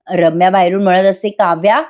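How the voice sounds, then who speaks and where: A woman's voice: mid-range voice, fairly quick, darkish tone. A woman giving a voice-over TV serial episode recap in a chatty, dramatic manner, speaking straight to her viewers. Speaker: TV serial reviewer.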